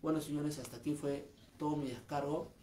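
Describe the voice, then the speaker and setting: A man's voice: on the high side, fairly even intonation, fairly quick, dark tone, roomy sound, slight background noise. A man, a street comedian, making an earnest, aggrieved personal statement, repeating his points. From Peru.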